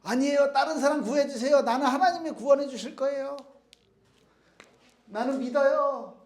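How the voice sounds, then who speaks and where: A man's voice: a little high, expressive, moderate pace, darkish tone, reverberant, natural voice. A man voicing a stubborn, devout man who waits on his rooftop for God to save him, speaking earnestly and insistently.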